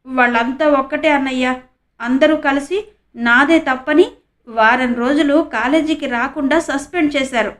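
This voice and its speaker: A woman's voice: high voice, moderate pace, voice pushed up, lightly acted. A woman voicing a young female college student who tells her story tearfully and bitterly. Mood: resentful. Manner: tearful, resentful. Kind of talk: audiobook character reading.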